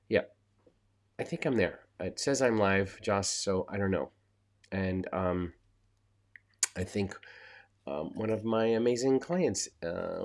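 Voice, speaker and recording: A man with a cold and a nasal voice, chatting casually to viewers as a coach on a live stream, with many fillers and asides. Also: low voice.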